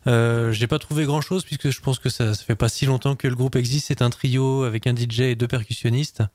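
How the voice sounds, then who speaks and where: Man, radio music columnist, casual, some fillers, mid pitch, dry sound. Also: steady tone, fairly quick, a little mellow, no echo.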